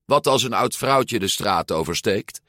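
A man's voice: fairly low pitch, animated, unhurried, pushed and bright, no room sound, studio quality. A man voicing a bossy, impatient young girl who scolds and drops in Italian words.

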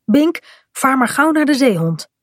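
A woman voicing a lively, brave young girl in a children's storybook reading, with bright, excited exclamations. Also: high-pitched, a little slow, no room sound, studio quality, voice pushed up, full character voice. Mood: eager.

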